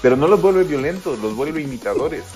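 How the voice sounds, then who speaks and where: A middle-aged man, co-hosting a casual podcast chat in an animated, slangy way. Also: fairly quick, over music. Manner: animated, slangy, acts out quotes in higher voices. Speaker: podcast co-host.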